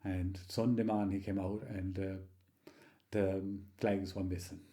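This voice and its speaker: A man in his sixties with a rural County Limerick Irish accent, telling anecdotes in a halting, rambling, casual way. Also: low voice, little pitch movement, warm tone. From County Limerick, Ireland. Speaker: interview guest, local storyteller. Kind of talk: oral history reminiscence, casual storytelling.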